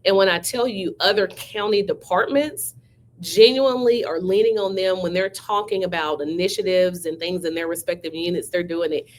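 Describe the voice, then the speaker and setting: A woman's voice: on the low side, moderate pace, a little hiss or hum. A woman, a county manager who is under the weather, giving effusive casual praise to her team. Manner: warm, effusive praise with frequent "y'all".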